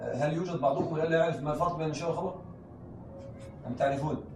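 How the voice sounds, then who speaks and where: A man teaches a class at a brisk clip, repeating key phrases and asking again and again whether his students follow. His fairly high voice reaches the mic from a distance. The echoey room carries a faint hiss. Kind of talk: classroom lesson on Arabic rhetoric.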